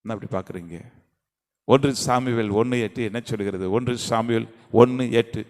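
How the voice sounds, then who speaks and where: A man preaching a sermon as pastor, slow and emphatic, repeating his phrases. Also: medium pitch. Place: church. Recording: church hall reverb.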